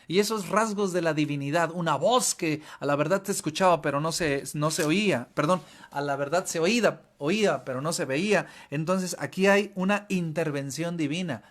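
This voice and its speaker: A man's voice: fairly high pitch, normal speed, few pauses. A man with a Mexican Spanish accent preaching a sermon as pastor, impassioned, repeating phrases for emphasis and often restarting them. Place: church.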